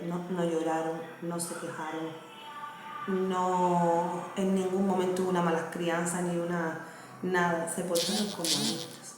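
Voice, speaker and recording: Cuban lady in her 30s, earnest chat to camera, lowish voice, really boomy echoey room. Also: darkish tone. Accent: Cuban Spanish. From Cuba. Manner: earnest, conversational, asks "¿me entiendes?". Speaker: vlogger, mother. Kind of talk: casual talk to camera. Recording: very echoey room, faint noise.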